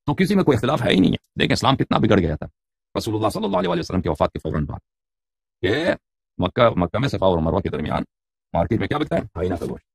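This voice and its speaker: Gravelly, husky man lecturing from books. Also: on the low side, sing-song, dry recording. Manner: cites Arabic book titles, then explains in Urdu, asks listeners questions. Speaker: religious debater.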